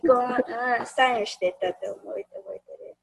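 A woman's voice: on the high side, moderate pace, gravelly, slightly rough, rough recording. A woman in casual discussion of a film, talking hesitantly with many fillers. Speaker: discussion participant.

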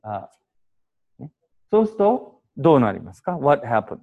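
A man teaching Japanese to a class, explaining with examples and short English glosses in a lively, animated way. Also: mid-range voice, unhurried, narrow, tinny audio.

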